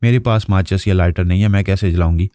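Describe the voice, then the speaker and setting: A man's voice: deep voice, fast, warm tone, no room sound, clean studio sound, natural voice. A man voicing a hot-tempered, suspicious woman spy who makes accusing demands in a storybook reading. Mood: angry.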